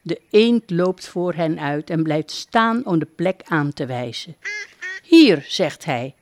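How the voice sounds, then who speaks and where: A woman narrating a storybook in a calm, measured way. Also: deep voice, slight background noise.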